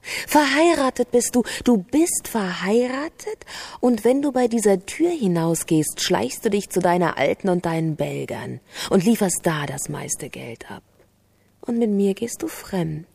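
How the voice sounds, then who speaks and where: A jealous AI lover, husky and gravelly. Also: female voice, mid-range voice, lively intonation, measured pace, a little mellow, heavily acted. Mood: bitter, suspicious. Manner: accusing, jealous, interrogating. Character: jealous, suspicious female AI program, a virtual lover. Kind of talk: radio play acting.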